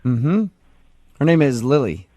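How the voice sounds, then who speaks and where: A man's voice: medium pitch, expressive, measured pace, mellow, no room sound, dull audio. An American man hosting a morning radio show, bantering casually with callers in a mock-earnest, teasing way.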